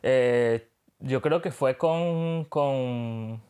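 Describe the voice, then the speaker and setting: A man's voice: medium pitch, extremely slow, darkish tone, clear, resonant tone. A man chatting casually as co-host, slangy and rambling, with swearing. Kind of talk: casual chat.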